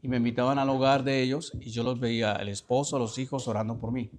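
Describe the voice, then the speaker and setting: Priest guy preaching, middle pitch, keeps asking the crowd questions. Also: fairly even intonation. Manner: questioning the listeners, slow emphatic reading. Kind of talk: sermon.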